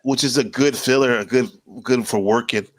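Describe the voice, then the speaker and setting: A man's voice: mid-range voice, normal speed, no room sound. A man hosting a casual livestream chat, talking in a loose, rambling way and laughing often. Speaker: host.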